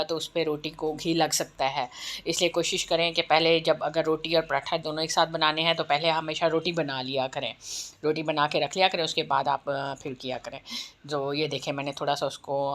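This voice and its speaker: A woman's voice: sits low, fairly bright tone. A woman with a sore throat hosting a home cooking tutorial, explaining step by step and often checking in with the viewer. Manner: chatty step-by-step instruction with frequent "ठीक है" check-ins. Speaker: cooking channel host.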